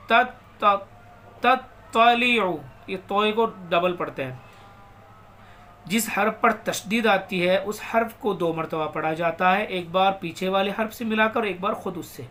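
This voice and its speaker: A man teaching Quran recitation. He recites slowly and draws out words, then explains quickly and spells out letters and vowel marks. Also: high voice, a bit bright. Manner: slow drawn-out recitation alternating with quick explanations. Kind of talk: step-by-step recitation lesson.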